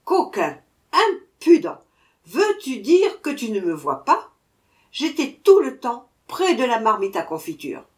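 A woman voicing an irascible tiny bearded male dwarf who shouts his demands in a storybook reading. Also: high-pitched, lively intonation, a little slow, pitched above the performer's own voice. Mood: indignant.

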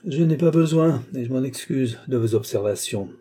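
Brief: stern authoritative detective, read by a man, dark husky voice, audiobook mystery. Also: mid-range voice, moderate pace, lightly acted. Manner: firm, brooks no reply. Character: stern commanding Scotland Yard inspector.

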